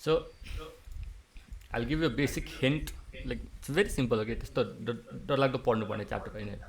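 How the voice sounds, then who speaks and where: Gravelly young teacher. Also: male voice, mid-range voice, fairly quick. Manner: patient, explanatory, checks in with students often. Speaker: maths teacher. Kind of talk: online class lecture.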